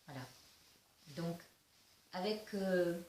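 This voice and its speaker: A woman giving a casual spiritual oracle card reading, slow and halting with many fillers and restarts. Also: fairly low pitch, darkish tone. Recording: echoey room with faint noise.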